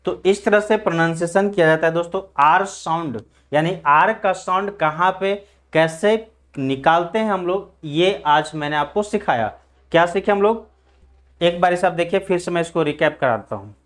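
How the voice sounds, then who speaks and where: Man teaching pronunciation, slightly high voice. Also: a bit bright. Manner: spells words letter by letter and drills them slowly; asks the class questions and answers them himself. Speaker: English teacher. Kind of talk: classroom pronunciation lesson.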